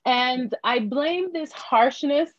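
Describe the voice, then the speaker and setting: A woman from Haiti, a podcast guest, telling her personal story in a reflective, candid way with halting restarts. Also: high-pitched, no echo, lo-fi sound. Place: New York.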